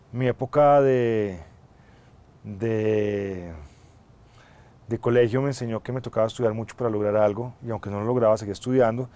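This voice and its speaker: Middle-aged male actor, mid-range voice, earnest and measured, TV studio interview guest on lapel mic. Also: mid-range voice, dark tone, clear, resonant tone. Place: TV studio set, seated in armchair.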